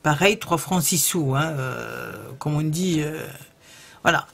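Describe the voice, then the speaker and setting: A woman's voice: low voice, slow, vocal fry, fairly bright tone, a little hiss or hum. A woman with a southern French accent giving a casual craft tutorial, chatty and hesitant, full of little fillers as she demonstrates. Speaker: crafting video host.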